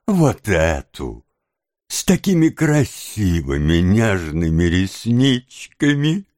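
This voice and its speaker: A coquettish young maidservant, voiced by a male narrator, coaxing and doting in a slow, soft manner. The audiobook recording is dry and close. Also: deep voice, very animated, no echo, voice pushed down, exaggerated voice. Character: coquettish young female servant. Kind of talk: audiobook character voice.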